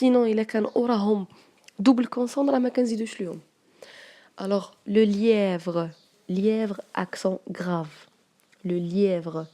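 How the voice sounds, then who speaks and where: Moroccan woman slowly dictating French words. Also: medium pitch, dark tone. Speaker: teacher. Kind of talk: correcting French spelling exercises.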